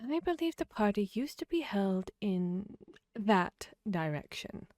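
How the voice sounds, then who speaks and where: Woman voicing a slow, teasing Cheshire Cat. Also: mid-range voice, sing-song, darkish tone, dry recording, clean studio sound. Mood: coy, riddling. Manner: slow, playful, riddling drawl. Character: grinning Cheshire cat, teasing, fickle, mad Wonderland creature. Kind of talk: ASMR fantasy audio roleplay.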